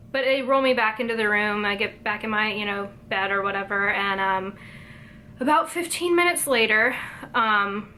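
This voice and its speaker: A young woman telling a personal story to camera, hesitant and emotional, with many pauses and fillers. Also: medium pitch, pushed and bright, slight background noise. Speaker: vlogger.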